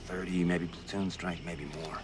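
A man's voice: low-pitched, level tone, normal speed, noisy background, close to an everyday voice. An actor playing a laconic male soldier in a war film, reporting in clipped, understated military terms. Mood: matter-of-fact. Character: laconic male soldier tracking enemies on a laptop. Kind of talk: film dialogue. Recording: loud film soundtrack behind.

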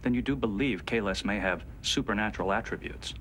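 A smooth, calm android officer with a slightly low voice. He speaks in an even, careful, unemotional way, as a TV drama character would. A faint room ambience sits under the voice. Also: a little fast, a little hiss or hum. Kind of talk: TV series acting.

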